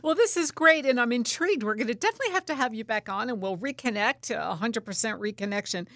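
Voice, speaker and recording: A woman's voice: fairly high pitch, lively intonation, fast talker, a bit bright. A woman co-hosting a conversational radio interview.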